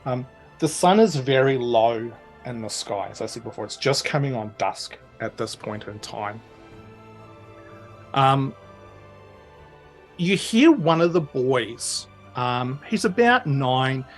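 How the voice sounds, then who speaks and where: Rambling game master. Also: male voice, medium pitch, big pitch swings, takes it slowly, faint music behind. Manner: rambling, many fillers, chuckling. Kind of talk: narrating a tabletop game.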